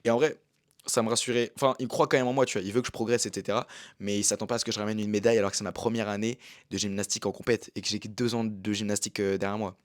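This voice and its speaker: A man's voice: lowish voice, little pitch movement, very fast, no echo. Young man, casual vlog talk, slangy and rambling, dry close sound. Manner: slangy and rambling, with many fillers. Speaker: vlogger and amateur gymnast. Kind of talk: casual chat.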